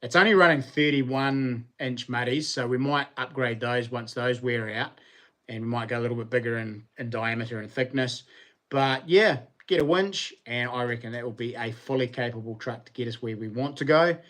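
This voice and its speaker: A man's voice: mid-range voice, moderate pace, a bit bright. A man with a New Zealand accent hosting a livestream, talking to viewers in an informal, rambling, slangy way. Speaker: livestream host. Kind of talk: casual livestream chat with viewers.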